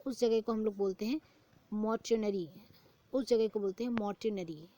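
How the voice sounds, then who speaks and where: This is a young woman teaching exam-prep vocabulary: she reads every English phrase slowly, explains it in Hindi, and often poses the answer again as a question. Her mid-range voice has a dark tone, and the high frequencies are cut off.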